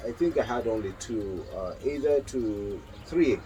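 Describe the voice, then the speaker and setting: A Kenyan man in his thirties, a guest telling his story in a casual interview, pausing often with filler sounds. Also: on the low side, lively intonation, mellow, faint music behind, rough recording. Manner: hesitant, full of pauses and filler sounds.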